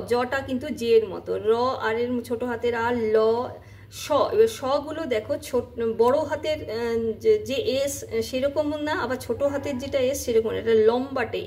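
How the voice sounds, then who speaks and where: A woman's voice: fairly high pitch, a little mellow. A woman teacher giving a patient, step-by-step spoken lesson over handwritten examples. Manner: patient, step-by-step explaining, often saying "see" and "okay".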